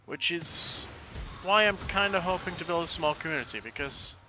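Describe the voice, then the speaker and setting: A man's voice: fairly high pitch, lively intonation, normal speed, background noise. A man streaming a video game, chatting casually and playfully, coining silly words as he plays. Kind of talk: casual gameplay commentary.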